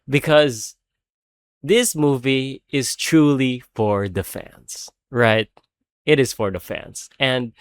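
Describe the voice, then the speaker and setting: A man's voice: mid-range voice, no echo, studio quality. A man, not a native English speaker, animatedly retelling a film's plot in a casual rant, swearing often and laughing as he talks. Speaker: video creator reviewing a film.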